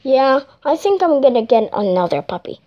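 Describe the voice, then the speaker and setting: A woman's voice: high-pitched, sing-song, dark tone, muffled recording. Thomas, a woman voicing a chatty toy engine. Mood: upset. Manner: halting, with many fillers. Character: cheerful talking toy tank engine, male.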